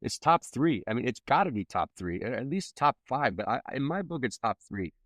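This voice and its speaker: A man's voice: medium pitch, big pitch swings, fairly quick, a bit bright, no echo. A man who is a singer-songwriter, a guest on a podcast, chatting casually, often repeating and restarting his words. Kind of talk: casual interview chat.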